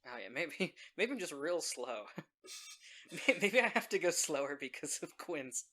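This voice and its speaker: Bright, animated man playing a tabletop game. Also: on the high side, measured pace. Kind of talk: casual in-character game chat.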